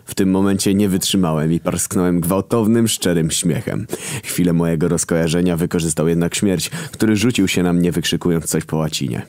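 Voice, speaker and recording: Male narrator, deadpan and crude, very low voice, dry close sound. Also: brisk, no echo. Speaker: story narrator. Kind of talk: scripted dark-comedy narration.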